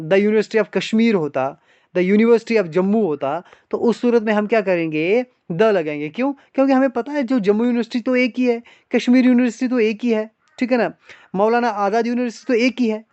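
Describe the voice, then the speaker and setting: High-voiced man teaching English grammar. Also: moderate pace, a little mellow, smooth, no room sound. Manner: explains step by step with frequent rhetorical questions and "guys". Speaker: English teacher for exam aspirants. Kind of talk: classroom lecture in Hindi mixed with English. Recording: dry, slightly dull online lecture audio.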